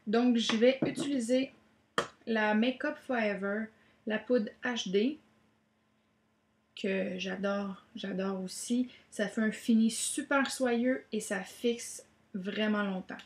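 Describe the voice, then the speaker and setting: A woman's voice: mid-range voice, slow pace, echoey room. A woman gives a chatty makeup tutorial, with many "donc, euh" fillers. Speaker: beauty vlogger.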